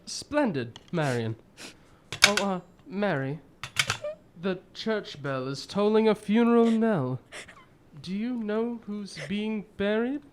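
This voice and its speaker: Doctor Watson, animated old gentleman storyteller. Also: high voice, slow, background noise. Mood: kindly. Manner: avuncular, chuckling, hesitant delivery. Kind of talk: old-time radio drama acting. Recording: music behind the voice.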